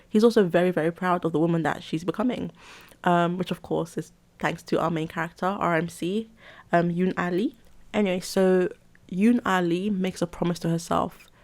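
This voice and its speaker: A woman's voice: fairly low pitch, a little mellow. A woman casually retelling a comic's plot, chatty and full of fillers and restarts. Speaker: webcomic recapper. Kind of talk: casual story recap.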